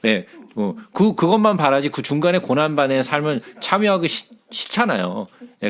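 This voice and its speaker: A man teaching a Bible study in a conversational way, often checking in with his listeners with short questions. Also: a little high.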